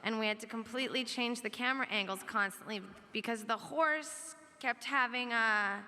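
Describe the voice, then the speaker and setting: A woman actor on a convention panel, telling a candid story at a brisk pace. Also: a little high, noisy background. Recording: hall reverb.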